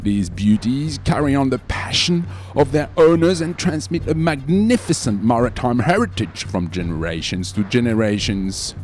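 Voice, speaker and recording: A man's voice: medium pitch, animated, normal speed, hardly any pauses, a little mellow, faint music behind. A man reading a scripted sailing news voice-over.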